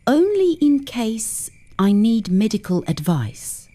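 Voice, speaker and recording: Woman voicing a quiet, regretful man. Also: on the high side, very animated, slow pace, voice pushed up, exaggerated voice. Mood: pleading.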